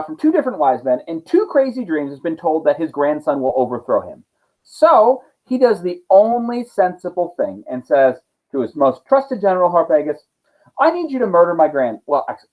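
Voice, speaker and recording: Playful man telling a story to students. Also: a little high. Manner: playful, casual, full of silly asides. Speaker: teacher. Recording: tinny phone-like sound.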